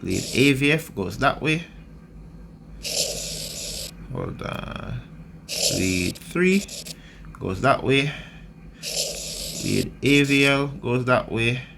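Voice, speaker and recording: Guy lecturing real slow, gravelly lowish voice, keeps asking right?, faint hiss behind. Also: lively intonation. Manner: unhurried, checks in with "right?" often. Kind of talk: explaining a diagram in a lecture.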